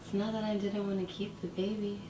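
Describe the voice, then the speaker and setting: A young woman speaks in a private, emotional conversation. Her medium-pitched voice is picked up by a distant camera in a roomy-sounding bedroom, with music clearly behind it. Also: level tone, a little fast. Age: young adult. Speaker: prank vlogger. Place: small bedroom, indoors. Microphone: distant camera microphone.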